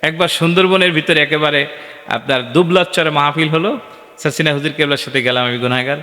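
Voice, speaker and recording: A man delivers a lively sermon, throwing questions at his listeners and slipping into sung chanting of verses. His voice sits fairly high and rings bright, and it booms back with long reverb as if through a PA in a large hall. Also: brisk. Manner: animated, asks the crowd questions and calls for responses. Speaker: preacher. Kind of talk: sermon at a religious gathering.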